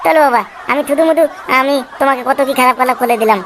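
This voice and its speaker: A high-pitched, whiny cartoon boy, voiced by a woman, who chatters fast and pleads like a spoiled child. A faint hiss of background noise sits under the voice. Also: a bit bright. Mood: excited. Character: whiny boy eager to marry. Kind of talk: Tweencraft cartoon voice acting.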